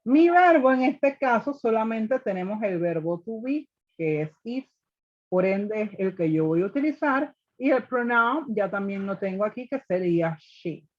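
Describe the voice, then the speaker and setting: A woman's voice: medium pitch, animated, measured pace, dull audio. A woman teaching an online English grammar class, explaining step by step and checking in with students. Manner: patient, step by step, often checking with "ok?". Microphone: video call.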